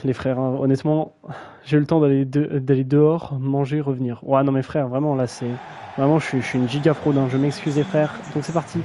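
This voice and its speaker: Young guy streaming a match, self-mocking and tripping over names, kinda highish voice, faint background hiss. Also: dark tone, low-quality recording. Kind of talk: casual live-stream match commentary.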